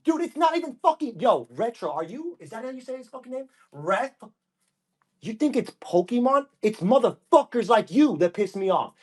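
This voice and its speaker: Brief: very high-pitched male streamer, profane and combative, yelling at his chat. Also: big pitch swings, normal speed, husky. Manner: profane, aggressive ranting. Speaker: live-stream card seller. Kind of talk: angry livestream rant.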